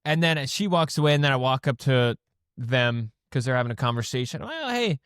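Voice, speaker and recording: Podcast dude telling a bar story, acts out the voices, swears a lot, dry sound. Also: male voice, medium pitch, fairly quick, clear, resonant tone, no room sound. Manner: animated storyteller, acts out quotes; swears casually. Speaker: podcast co-host. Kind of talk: casual chat.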